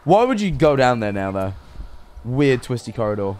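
Young man, streamer, reaction commentary, animated, joking, swears, lively pitch. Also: normal speed, clean tone.

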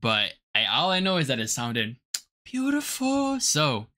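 A music video reactor giving casual, excitable commentary full of slang and playful jokes. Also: medium pitch. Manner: excitable, playful, quick to gush and joke; casual slang, calls listeners bro. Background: song playing faintly.

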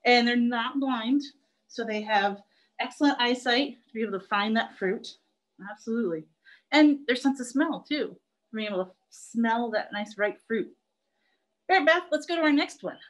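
A woman's voice: fairly high pitch, animated, normal speed, rough recording. A young woman zoo educator giving a live online lesson, chatty and playful, laughing often.

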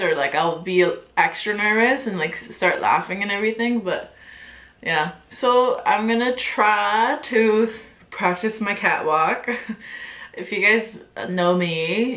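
A woman's voice: fairly low pitch, pushed and bright. Giggly, chatty young woman in an echoey room. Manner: chatty, giggly, peppered with "like" and swearing. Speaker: vlogger. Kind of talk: casual chat to camera.

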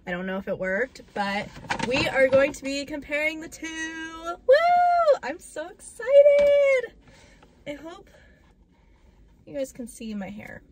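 A bubbly young woman chats her way through a casual mukbang vlog, her voice sitting a little high. She rambles with plenty of fillers, and clear background noise runs under her home recording. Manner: bubbly and chatty, with many fillers. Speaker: vlogger.

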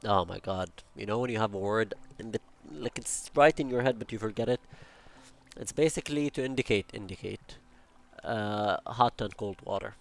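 Faint music plays behind this young man with an Arabic accent as he builds in a game for his Minecraft channel. His voice sits on the low side, creaky and at normal speed, and his casual commentary wanders through jokey asides and self-talk.

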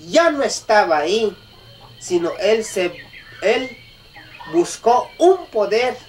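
A man with a Mexican accent telling a folk tale aloud, halting and restarting often. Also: sits high, far from the mic, slight background noise. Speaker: storyteller. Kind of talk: oral folk storytelling.

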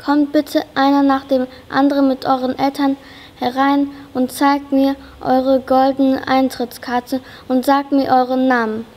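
A woman reading the part of a lively, excitable small old chocolate maker, greeting eagerly. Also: high voice, unhurried. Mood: welcoming. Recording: long reverb of a school hall.

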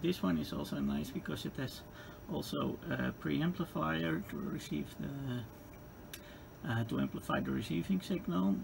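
At an indoor electronics workbench, a hobbyist demonstrator with a Dutch accent gives an unscripted, hands-on equipment demo. His voice is gravelly and fairly high-pitched, his phrasing halting and hesitant with repeated words, and the room recording is clearly noisy.

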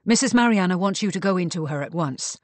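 Man putting on a dutiful nurse, deferential, a little higher, dry sound. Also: lively intonation, quick pace, no echo. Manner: deferential, respectful. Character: dutiful middle-aged household nurse.

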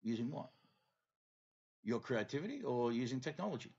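A man's voice: medium pitch, very animated, moderate pace, creaky, darkish tone, slightly rough. A man hosting a podcast, asking questions in an easygoing, encouraging way. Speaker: podcast host. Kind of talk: casual chat. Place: home podcast studio. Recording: dull lo-fi studio recording.

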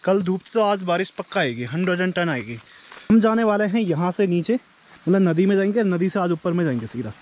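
A man's voice: high-pitched, lively intonation, a little fast, darkish tone, dull audio. A man, vlogging outdoors in hill country near a river, chatty and joking as he talks straight to viewers on a handheld camera. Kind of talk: casual vlog narration.

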